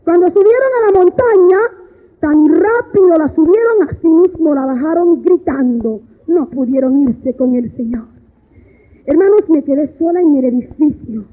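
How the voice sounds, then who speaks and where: A woman's voice: high-pitched, moderate pace. A woman preacher giving an impassioned testimony sermon, often breaking into tearful cries and calling her listeners brothers. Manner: keeps addressing listeners as brothers. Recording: tinny lo-fi phone-like sound.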